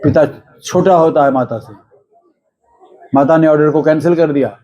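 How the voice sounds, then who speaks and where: A man's voice: on the high side, normal speed, warm tone, dull audio. A man giving a devotional discourse, asking his listeners rhetorical questions and chanting scripture verses now and then. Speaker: religious storyteller.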